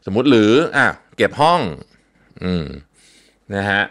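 A young man hosting a podcast, talking in a relaxed, chatty way with lots of fillers and polite particles. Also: medium pitch, moderate pace. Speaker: podcast host. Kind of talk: casual podcast talk.

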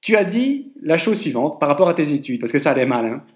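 A man's voice: on the high side, sing-song, quick pace. A man co-hosting a casual podcast chat, teasing his co-host in a mock-formal way. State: tired voice, clearing throat.

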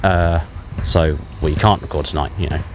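Very deep-voiced man on a voice recorder. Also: fairly even intonation, slight background noise. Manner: halting and hesitant, many pauses and fillers, frank. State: low and emotionally numb. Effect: self-recorded on a handheld voice recorder. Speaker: podcast host. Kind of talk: candid personal voice memo. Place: outdoors in a public park. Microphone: handheld voice recorder.

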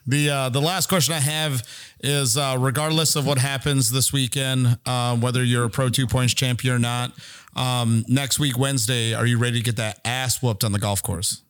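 A man with an average-pitched voice hosts a podcast. He chats casually with his guests, teasing them in slangy, familiar talk. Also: fairly even intonation, moderate pace, fairly bright tone, clear, resonant tone. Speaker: podcast host. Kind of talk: casual joking interview.

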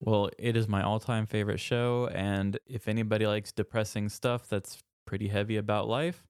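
Woman, very deep voice, casual podcast co-host, conversational, dry close sound. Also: steady tone, normal speed, a little mellow, smooth, dry recording. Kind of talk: casual chat.

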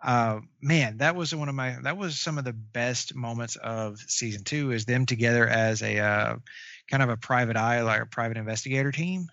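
Gravelly man rambling with lots of ums. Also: medium pitch, sharp tone, no echo. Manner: halting, many fillers and restarts. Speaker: podcast co-host. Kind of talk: casual chat about comic book shows. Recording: dry, dull lo-fi sound.

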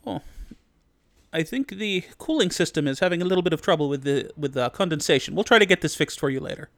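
A man's voice: on the high side, animated, quick pace, a bit bright, dry recording. Man doing a breezy young female smith, reassuring, dry close sound.

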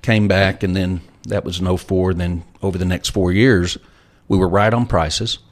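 A middle-aged entrepreneur appears as a guest in a casual storytelling interview, sharing folksy tales and life advice. His voice is low-pitched with fairly even intonation and a moderate pace.

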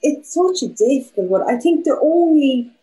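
A woman's voice: high voice, lively intonation, normal speed, mellow, rough recording. A young woman from Donegal with a west of Ireland accent, chatting casually and candidly as she answers questions in an interview. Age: young adult. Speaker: small business owner in film production.

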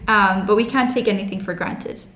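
Interview guest: woman, thirties, Kerry accent from the west of Ireland, mid-pitched, reflective and candid, echoey recording. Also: a little fast, a bit bright. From County Kerry, Ireland.

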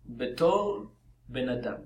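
A man from Israel talks films on a podcast, telling scenes with lively, joking energy. His voice sits in a middle register. The room around him rings with echo. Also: medium pitch. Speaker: podcast co-host. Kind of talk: casual podcast chat about films.

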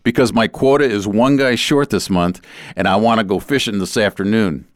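A man voicing an easygoing, overweight Air Force recruiter with a Southern accent and an unhurried drawl. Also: fairly low pitch, no echo, studio quality, close to an everyday voice.

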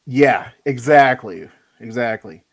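A man co-hosting a casual podcast chat, animated and exclamatory, calling people "dude.". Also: medium pitch, slow, breathy edge, no echo. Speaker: podcast co-host.

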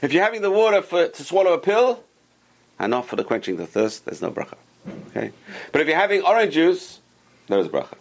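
Around a table, a man teaches a casual religious class as a Torah teacher, breaking things down step by step, going over key points again, and quizzing the group. He talks briskly in a fairly high, creaky voice that is very animated.

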